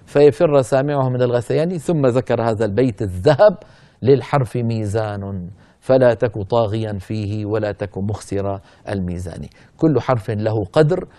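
Dark-voiced man explaining Quran recitation. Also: medium pitch, dry recording. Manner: demonstrates recitation errors by drawing out words slowly; addresses listeners as brothers, gentle and instructive.

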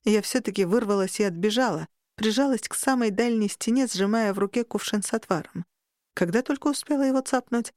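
A woman's voice: mid-range voice, fairly quick, darkish tone, dry recording, studio quality. Emotional woman reading a novel aloud. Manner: emotional, rising sharply in distress. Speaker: audiobook narrator. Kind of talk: first-person novel narration.

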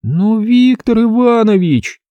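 A man's voice: high voice, big pitch swings, moderate pace, warm tone, no echo, voice pushed up. A man voicing a pleading, stubborn teenage girl in an audiobook, whining to get her way. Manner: pleading, whiny.

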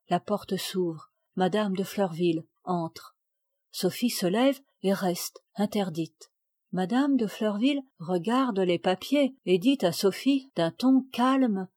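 A woman reading an audiobook of a classic children's story in a steady, clear storytelling manner. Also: on the low side, no echo, clean studio sound. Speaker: audiobook reader. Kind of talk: scripted narration.

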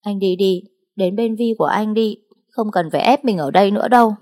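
A woman voicing a distraught, clingy young woman who pleads and threatens in shrill outbursts in an audiobook. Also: a little fast, dark tone, close to an everyday voice. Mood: hysterical. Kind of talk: audiobook character voice.

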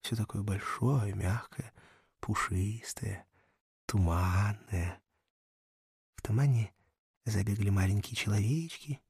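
A man narrating a humorous short story as an audiobook, in a measured storytelling manner that sinks to a murmur. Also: fairly low pitch, creaky, a little mellow, slightly rough, no echo, studio quality.

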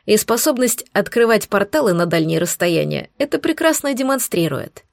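A woman's voice: mid-range voice, sing-song, normal speed, vocal fry, no echo, studio quality. A woman reading a first-person fantasy audiobook with a wry storytelling manner. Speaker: audiobook narrator. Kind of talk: scripted narration.

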